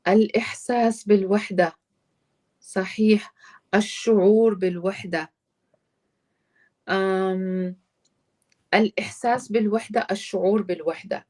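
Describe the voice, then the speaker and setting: A woman's voice: mid-range voice, steady tone, measured pace, long pauses, warm tone. A woman teaching a live online Arabic class, explaining grammar patiently and switching between English and Arabic. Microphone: computer mic on a live stream.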